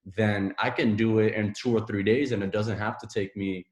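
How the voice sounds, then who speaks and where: A Puerto Rican man whose first language is Spanish speaks as a podcast guest in a casual conversation, using many fillers and restarts. His voice is lowish and steady at a moderate pace, with a reverberant sound.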